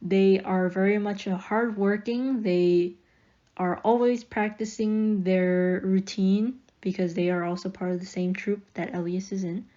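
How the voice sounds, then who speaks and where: A woman's voice: medium pitch, fairly even intonation, unhurried, mellow, muffled recording. A young woman casually narrating a speedpaint voiceover, chatty and rambling, with fillers and light laughs. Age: young adult.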